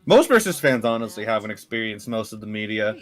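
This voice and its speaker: A man's voice: on the low side, sing-song, fast, soft background music. A man chatting casually on a call in a playful, slangy way, often laughing. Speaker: guest on the watch-along.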